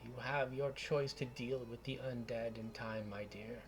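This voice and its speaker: A man voicing a hunched old crone fortune teller, an old hag with a crackly voice and slow, ominous, cryptic delivery. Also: mid-range voice, steady tone, over music, natural voice. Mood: cryptic, sympathetic.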